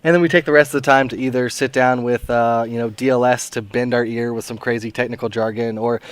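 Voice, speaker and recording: A man with a sore, hoarse throat hosting a casual livestream chat, playful and joking, with many ums and restarts. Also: mid-range voice, steady tone, fast, dry recording. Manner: playful, joking, lots of ums and self-interruptions. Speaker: assistant community manager, stream host.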